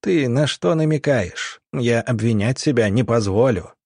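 A man's voice: medium pitch, lively intonation, measured pace, darkish tone, no room sound, clean studio sound. A man voicing a sleazy, scheming male military doctor who talks smugly and wheedles, then snarls when cornered. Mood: snarling.

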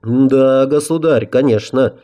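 A man's voice: mid-range voice, takes it slowly, warm tone, pitched above the performer's own voice, natural voice. Man voicing a deferential guard colonel. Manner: deferential, short replies.

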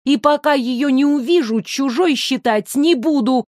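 A woman's voice: high-pitched, measured pace, no room sound, studio quality, voice pushed up. A woman voicing a bold, outspoken little girl, in a storybook reading. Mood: indignant. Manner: loud and outspoken.

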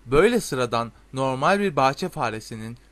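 A man reading a storybook voices a brisk middle-aged female shopkeeper witch, curt and matter-of-fact. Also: medium pitch, lively intonation, a bit bright, dry recording, close to an everyday voice.

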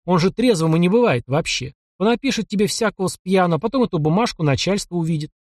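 A man plays a bold young hunter of the taiga with a sharp, scheming tongue. His voice sits raised and lively, mocking whoever he talks to. The sound is dry and close, like a storybook reading. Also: high voice, fast, dry recording, voice pushed up. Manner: mocking, cocky and cunning.

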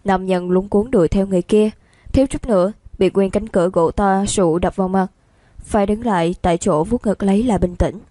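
Mellow-voiced woman reading a romance novel. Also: mid-range voice, fairly even intonation, brisk, dry recording. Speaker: story narrator. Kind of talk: scripted narration of a romance novel.

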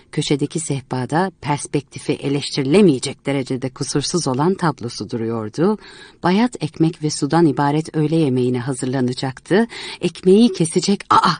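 A woman reading a story aloud in a measured, expressive way. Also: low voice, slightly rough, dry recording. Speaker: narrator.

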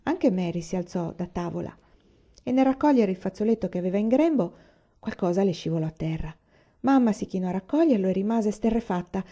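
A woman reading a children's novel aloud as narrator, even and clear. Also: medium pitch, fairly quick, highs cut off. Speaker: reader.

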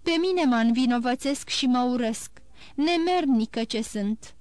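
In an audiobook, a woman with a fairly high, expressive, darkish natural voice plays a grieving, guilt-ridden woman near forty. She pleads sorrowfully and blames herself, and the recording has no echo.

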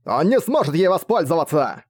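A man's voice: fairly high pitch, sing-song, a little fast, darkish tone, voice pushed up. A man voicing a greedy, arrogant dragon mage in an audiobook, with a roaring, contemptuous manner.

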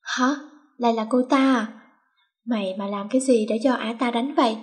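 A woman's voice: fairly high pitch, normal speed, natural voice. A woman voicing a teenage schoolgirl best friend who scolds, fusses and wheedles. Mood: fussy.

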